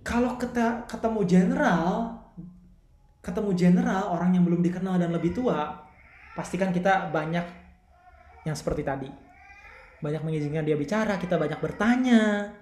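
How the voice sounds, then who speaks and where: A man's voice: high-pitched, moderate pace, long pauses, darkish tone. A young man with a Bandung Indonesian accent leads a casual church discipleship class, chatting with listeners and acting out bits of dialogue. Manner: conversational, acts out quoted dialogue, asks listeners questions. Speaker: youth ministry leader teaching a discipleship class. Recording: roomy echo.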